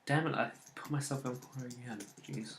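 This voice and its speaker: A man's voice: mid-range voice, steady tone, fairly quick, a bit bright, echoey room, slight background noise. A man commentating casually on a game he is playing, muttering and swearing at his failed attempts. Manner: muttering, swearing at failures, rambling. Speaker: let's play host.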